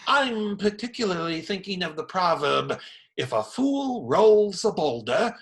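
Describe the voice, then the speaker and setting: Playing a burly, devout friar for radio, a man uses an exaggerated, sing-song voice, high and bright with vocal fry and theatrical indignation. His little sermons are slow, deliberate, mocking and preachy.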